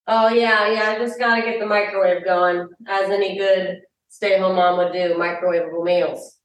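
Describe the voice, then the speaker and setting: A woman's voice: mid-range voice, fairly even intonation, normal speed, roomy sound, slight background noise. A woman co-hosting a podcast in casual chat, distant and muffled as if heard through a wall from another room while she busies herself. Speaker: podcast co-host.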